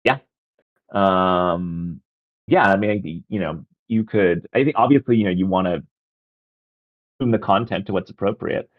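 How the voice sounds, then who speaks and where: A man with a very deep voice co-hosting a casual talk stream. He thinks out loud, hedging and restarting often. The sound is dull and lo-fi. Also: a little slow, long pauses. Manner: hesitant, full of "I mean" and restarts. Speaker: podcast co-host.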